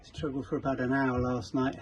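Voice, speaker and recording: Aboard a small cabin motorboat, a man presents a casual, hands-on DIY walkthrough for a boat fitting shop's how-to videos. His medium-pitched voice stays fairly flat and moves briskly, though he sometimes hesitates and searches for words as he works. The camera audio sounds dull and lo-fi, with faint noise.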